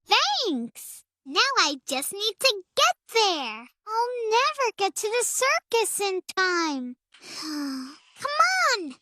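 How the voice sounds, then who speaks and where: A voice actor plays an eager, cheerful young girl elephant from a preschool cartoon, using a very high, sparkling voice in full character. She addresses the viewer unhurriedly in a sing-song way, drawing out words, her pitch leaping up and down with a bright, forceful tone. The sound is dry and close, recorded in a studio with no room sound.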